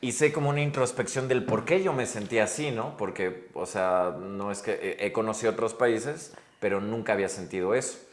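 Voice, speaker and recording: A Mexican man with a Mexican Spanish accent hosts a podcast, chatting reflectively and ramblingly in a casual interview and often checking in with his guest. He speaks with a lowish voice, fairly quickly and with hardly any pauses, in a room with a roomy echo.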